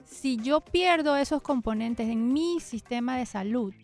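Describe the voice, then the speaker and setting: A woman's voice: on the high side, measured pace, darkish tone, faint music behind. A woman, a guest expert, explaining ideas earnestly in an interview, often in lists. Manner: earnest, explanatory, list-like phrasing.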